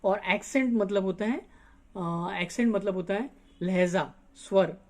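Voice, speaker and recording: A male teacher, reading a story's lines aloud and explaining the words in Hindi. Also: high-pitched. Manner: reads English lines slowly, then explains them in Hindi. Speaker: English teacher. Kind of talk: bilingual lesson explaining a story.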